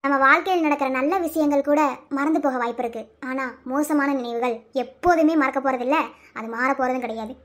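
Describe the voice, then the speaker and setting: A woman voicing a sharp-tongued village woman in a cartoon, speaking with a Madurai Tamil accent and a scolding, teasing manner. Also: sits high, a little fast, soft background music, close to an everyday voice. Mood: bitter. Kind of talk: cartoon voice acting.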